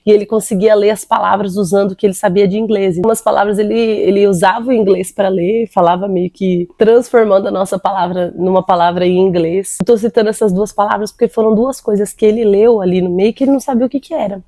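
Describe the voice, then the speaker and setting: A woman's voice: medium pitch, steady tone, quick pace, hardly any pauses, warm tone, no echo. A Brazilian woman, a literacy teacher, earnestly telling a personal faith story in a casual, reflective way. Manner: earnest, reflective, with acted quotes of prayer and dialogue.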